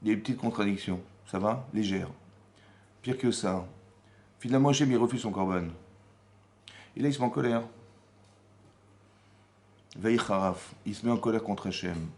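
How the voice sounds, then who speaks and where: A man's voice: fairly low pitch, moderate pace, pauses often, a little mellow. A man teaching a Torah class as rabbi, his voice climbing and dropping as he acts out the dialogue he explains. He keeps turning to his listeners with rhetorical questions. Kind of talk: lively Torah lesson. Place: Paris community hall.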